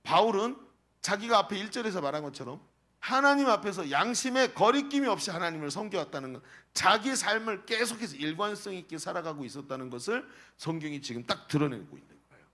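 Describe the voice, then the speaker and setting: A man's voice: high voice, sing-song, fast talker, pushed and bright. A male pastor preaching a sermon, asking the congregation rhetorical questions.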